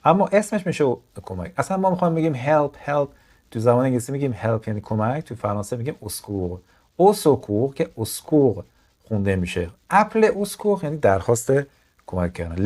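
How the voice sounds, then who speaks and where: A Persian-speaking man teaching French from a news article. He reads each sentence slowly, then explains it, and asks his viewers questions. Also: mid-range voice, a little mellow. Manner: addresses viewers as kids, asks them questions.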